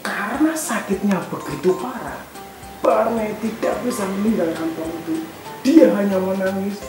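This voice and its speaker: A woman telling a Bible story to children at an online church service, gently asking them questions along the way. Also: mid-range voice, expressive, normal speed. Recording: echoey room with music behind.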